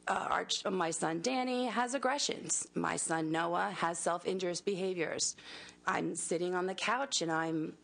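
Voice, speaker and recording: Creaky low-voiced mother pleading at a hearing. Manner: earnest, pleading, with halting restarts. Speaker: parent testifying at a public hearing. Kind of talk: public testimony.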